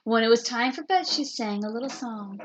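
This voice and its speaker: A woman teacher reads a children's picture book aloud, unhurried and deliberate. Her voice sits slightly high, and a faint hiss of noise runs underneath. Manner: slow, deliberate storytelling.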